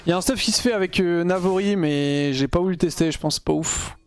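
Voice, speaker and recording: Here a young guy with a high voice speaks quickly while livestreaming his gameplay, musing aloud in casual slang full of English gamer lingo. He's using a gaming headset.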